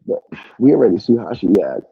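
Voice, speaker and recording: A man's voice: medium pitch, big pitch swings, quick pace, gravelly, husky, no echo, phone-quality sound. A man hosting a livestream, ranting at people in a profane, confrontational, repetitive way. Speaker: live stream host. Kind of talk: heated livestream rant. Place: at work.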